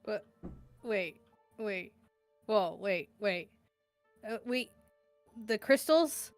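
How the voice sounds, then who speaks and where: A woman's voice: mid-range voice, expressive, extremely slow, faint music behind. A woman playing in a tabletop game, talking in character with stammers and giggles.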